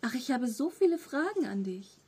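A woman reading an audiobook, voicing an excited, curious nine-year-old boy who stammers eagerly and bashfully. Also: sits high, moderate pace, slightly rough, pitched above the performer's own voice, full character voice. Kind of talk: audiobook character voice.

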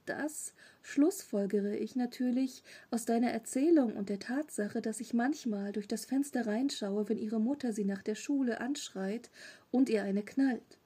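A woman's voice: a little high, measured pace, mellow, breathy edge. A woman voicing a naive three-eyed monster. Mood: explaining.

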